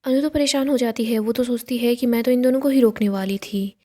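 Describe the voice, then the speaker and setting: A woman narrating a TV serial recap in a steady storytelling manner. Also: on the high side, fairly quick. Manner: steady storytelling, even reading.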